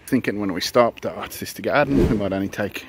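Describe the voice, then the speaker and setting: A man's voice: fairly low pitch, a little fast, very noisy. Man narrating a garden walk outdoors. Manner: relaxed, chatty, narrating as he walks. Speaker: travel vlogger. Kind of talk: casual walking commentary. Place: outdoors in large public gardens.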